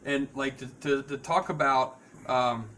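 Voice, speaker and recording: Halting male podcast host, noisy background. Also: medium pitch, steady tone, fairly bright tone. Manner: halting, rambling delivery with repeated words. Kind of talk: casual, unscripted talk to viewers.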